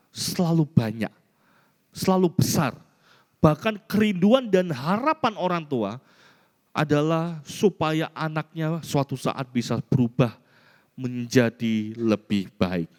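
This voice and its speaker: A male pastor from Indonesia preaching a sermon, telling personal stories in an animated way. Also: mid-range voice. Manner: storytelling preacher, animated, mimics voices in anecdotes. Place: church hall. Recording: church hall reverb.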